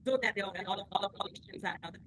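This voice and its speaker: A woman's voice: mid-range voice, rapid-fire, a bit bright, a little hiss or hum. A woman giving a technical presentation over a video call, hesitant with many fillers, her audio choppy and cutting out. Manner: hesitant, many fillers, non-standard grammar. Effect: choppy audio that keeps cutting out over a bad connection. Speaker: researcher presenting a project. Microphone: computer mic on a video call.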